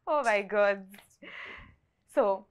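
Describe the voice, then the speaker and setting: An actress playing a playful, teasing best friend with a Nigerian accent. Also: female voice, medium pitch, extremely slow, clear, resonant tone. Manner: playful, cheeky.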